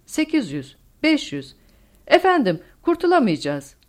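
A woman voicing a panicked male co-pilot in an audiobook, shouting high and urgent. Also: huge pitch swings, unhurried, exaggerated voice.

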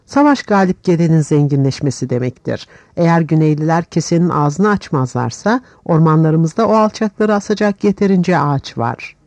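A man's voice: a little high, animated, normal speed, hardly any pauses, a little mellow, dry recording. A man reading the part of a stern, vengeful war minister who speaks in a harsh, commanding way.

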